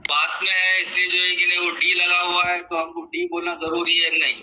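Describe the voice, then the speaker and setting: A man's voice: high voice, completely flat delivery, brisk, pushed and bright. A man teaching an English grammar lesson to a class, often checking in with short questions and repeating drill phrases. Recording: dull lo-fi recording.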